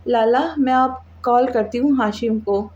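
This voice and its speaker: A woman's voice: a little high, a little slow, darkish tone, highs cut off, natural voice. A woman voicing a tearful young woman in a read-aloud novel, sobbing and pleading.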